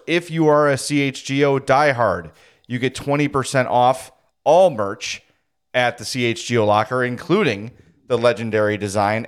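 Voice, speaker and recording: A man's voice: medium pitch, clean tone. An American man hosting a sports talk show in a casual, conversational style.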